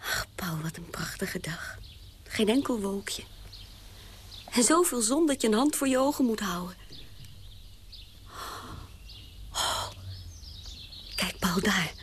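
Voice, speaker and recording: A woman playing a restless young woman in a radio play, speaking haltingly and often in a breathy whisper. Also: a little high, expressive, a little hiss or hum. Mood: dreamy.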